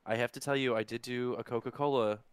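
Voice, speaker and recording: Jokey young man, smooth and dry. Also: medium pitch, fairly even intonation, fast, no room sound. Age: 20s. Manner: jokey, laughs often. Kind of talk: casual chat.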